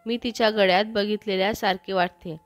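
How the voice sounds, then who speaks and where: A woman's voice: mid-range voice, fairly even intonation, a little fast, faint music behind, lightly acted. A woman reading as a curious young friend.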